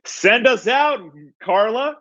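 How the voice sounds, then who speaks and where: A man playing a smug, theatrical TV game show host with a booming prize-announcer delivery and drawn-out build-ups. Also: animated, fairly bright tone, muffled recording, faint music behind, heavily acted.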